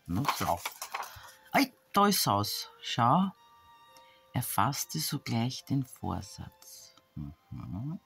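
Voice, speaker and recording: A woman's voice: a bass voice, huge pitch swings, extremely slow, creaky. A woman opening an advent calendar gift, musing to herself and reading labels aloud, often half-whispered. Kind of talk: casual unboxing chat. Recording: soft background music.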